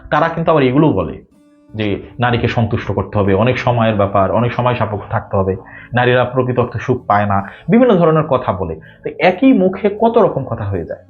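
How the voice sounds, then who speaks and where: A man with a Bangladeshi Bengali accent giving a spiritual talk, arguing with many rhetorical questions. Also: mid-range voice. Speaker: spiritual speaker. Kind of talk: spoken religious talk. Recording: dull lo-fi audio with faint guitar music.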